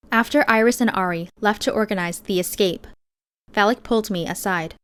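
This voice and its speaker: A woman narrates first-person fiction for an audiobook in a medium-pitched voice with a clean tone. Her storytelling is measured and expressive.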